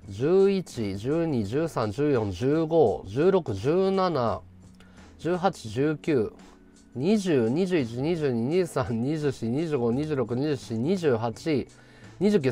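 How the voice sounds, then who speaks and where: A man in his thirties chats casually on his livestream, breaking into loud, excitable bursts of thanks. His slightly high voice swoops up and down. Faint music plays behind him. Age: 30s. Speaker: livestream host.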